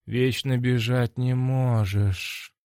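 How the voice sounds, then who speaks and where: A man doing a slow, whispering hooded demon. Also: mid-range voice, steady tone, darkish tone, smooth, no room sound, clean studio sound. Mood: taunting. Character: tall hooded clawed male demon, menacing.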